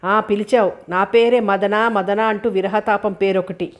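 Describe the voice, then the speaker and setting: A woman's voice: mid-range voice, fairly even intonation, normal speed, natural voice. A woman voicing an irritable young man who snaps indignantly at his grandmother. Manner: snappish, indignant.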